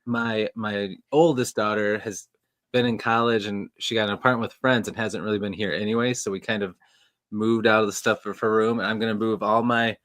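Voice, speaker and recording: A man's voice: fairly low pitch, fairly even intonation, a little fast, fairly bright tone, dry recording, studio quality. A man in his forties hosting a casual live chat, talking in a rambling, friendly way and laughing often, recorded in a storage room. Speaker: host. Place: storage room next to a furnace.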